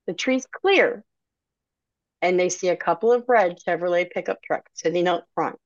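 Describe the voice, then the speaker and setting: A woman author reading her own novel aloud, narrating in an expressive storybook manner. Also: fairly low pitch, moderate pace, no echo, lo-fi sound.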